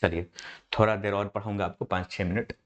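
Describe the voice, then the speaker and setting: An Indian English-accented man teaches English grammar during a Hindi online lecture, going step by step and calling learners "my brother." His voice is lowish with little pitch movement and a slightly fast pace; he asks rhetorical questions, and the audio is dull.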